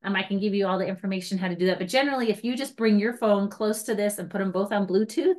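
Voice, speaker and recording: A woman trainer with a mid-range, darkish voice moves at a quick clip through an informal hands-on tutorial. She guides people through a device step by step, chatty and relaxed, tossing in light self-mocking asides.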